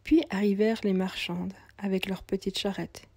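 A woman narrating a storybook tale calmly and softly, at times almost in a whisper. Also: mid-range voice, moderate pace, breathy edge, no echo, clean studio sound. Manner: calm, soft, at times near a whisper.

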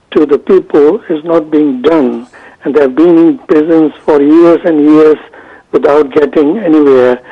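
Man on a buzzy, glitchy phone line. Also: on the high side. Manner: halting, with many uh fillers and restarts. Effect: buzzy, glitchy phone call audio that breaks up. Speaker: phone-in caller. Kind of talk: call-in question to a talk show.

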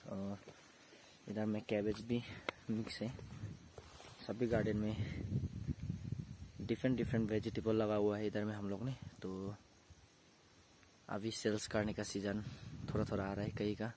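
Low, flat-voiced young man vlogging outdoors. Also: noisy background. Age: young adult. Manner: plain, unhurried, points things out one by one. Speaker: farm vlogger. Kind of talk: casual walking tour narration. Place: hillside vegetable farm outdoors. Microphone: phone held at arm's length.

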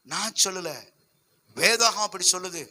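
A man's voice: high voice, normal speed, sharp tone. A man preaching a sermon as pastor, emphatic and full of rhetorical questions to his listeners.

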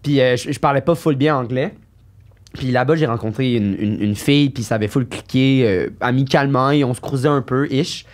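A young man with a Québécois French accent co-hosts a casual chat podcast. He jumps in with eager reactions and tells his own story in a relaxed, halting way. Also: medium pitch. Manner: enthusiastic, lots of interjections. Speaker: podcast co-host.

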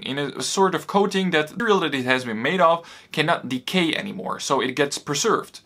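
A young man in his twenties from Bosnia, earnestly making a crowdfunding appeal to camera from a small room at home. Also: on the high side. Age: 20s. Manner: earnest, steady, with occasional fillers.

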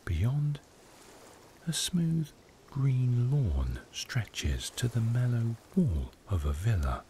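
A man guiding a meditation, speaking softly in a hushed voice that often drops to a whisper. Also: medium pitch, very animated, very slow, slight background noise. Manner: soft, hushed delivery, often slipping into a whisper. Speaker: meditation guide. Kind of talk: guided meditation narration.

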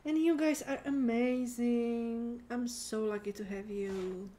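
A woman live-streaming a game, talking to her chat in a relaxed, teasing way. Her voice sits a bit high and she takes her time. A faint hiss of noise lies under her voice. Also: takes it slowly. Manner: playful, teasing, talks to chat. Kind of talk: casual live-stream chat while gaming.

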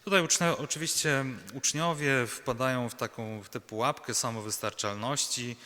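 A man preaching a personal retreat sermon as a Jesuit preacher, earnest and halting, with many fillers and restarts and rhetorical tag questions to the congregation. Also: mid-range voice, fairly even intonation, pushed and bright. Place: large church. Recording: long church reverb.

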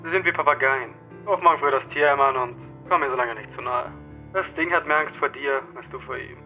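A man's voice: mid-range voice, fast, soft background music. A man playing a grumpy deputy woken by a late-night call, curt and irritated, heard over a phone line.

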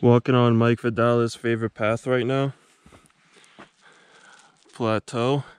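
A man's voice: medium pitch, level tone, slow, smooth, no echo. A man narrating his own mountain climb in a hiking vlog, giving short upbeat running comments as he walks. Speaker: hiker filming his climb. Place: outdoors on a dark mountain trail and open summit. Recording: wind noise on camera mic. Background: wind.

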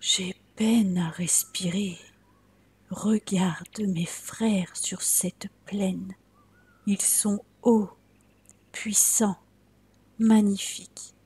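A woman voicing a stunted, sickly tree that speaks in a thin, breathy whisper. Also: mid-range voice, very slow, long pauses, a little mellow, full character voice. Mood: plaintive. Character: frail, stunted, sad tree.

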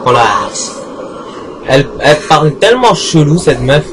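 A man's voice: mid-range voice, expressive, a little slow, background noise. A man giving casual, joking commentary while playing a game, talking back to in-game characters and swearing often. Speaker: gaming channel host.

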